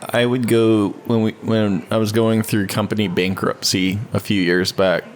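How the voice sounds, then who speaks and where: A man co-hosting a relaxed podcast conversation, rambling and restarting his thoughts as he talks. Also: moderate pace, a little hiss or hum. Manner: rambling, with many restarts, briefly mimics others in a high voice. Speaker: podcast co-host. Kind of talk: casual conversation. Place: home studio.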